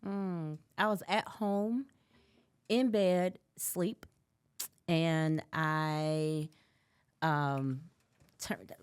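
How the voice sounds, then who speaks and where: A woman from Birmingham, Alabama, a podcast guest telling stories in a casual, animated way. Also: deep voice, very slow, long pauses, clear, resonant tone. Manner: laughs easily, animated storytelling. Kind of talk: casual conversation.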